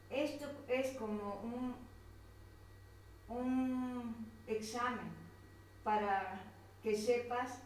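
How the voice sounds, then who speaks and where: A woman's voice: on the high side, distant mic. A woman teacher with a Colombian accent, patiently walking a pupil through a grammar worksheet and pointing at each item. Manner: patient, repeats and points at items on a page. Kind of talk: slow worksheet instruction to a pupil. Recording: very echoey room, voice off-mic, faint noise.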